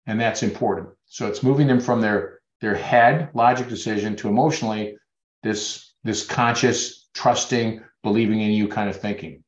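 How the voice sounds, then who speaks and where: A man's voice: on the low side, fairly even intonation, normal speed. Man presenting in a roomy room. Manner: earnest, persuasive storytelling. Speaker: dentist presenter. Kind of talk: webinar presentation. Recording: roomy, dull webinar audio.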